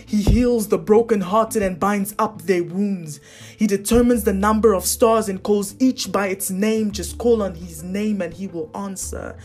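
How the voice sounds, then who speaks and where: A woman performing a spoken word poem in an intense, dramatic way, slowing to hushed line endings. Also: medium pitch, soft background music.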